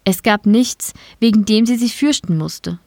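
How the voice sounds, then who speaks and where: A woman reading a short story aloud in calm, measured scripted narration. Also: mid-range voice, dry recording, clean studio sound. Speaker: story reader.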